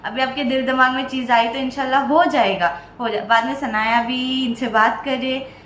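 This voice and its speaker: A woman's voice: high-pitched, fairly even intonation, normal speed, a bit bright. A young woman casually telling a personal story on a vlog, acting out her family members' lines with animation. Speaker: vlog co-host. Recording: roomy echo, faint background noise.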